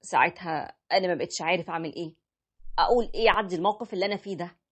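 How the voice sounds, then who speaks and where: A woman's voice: on the low side, racing, fairly bright tone, husky. A woman narrating as a devoted young husband. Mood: earnest. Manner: plain conversational retelling. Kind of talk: storytelling narration.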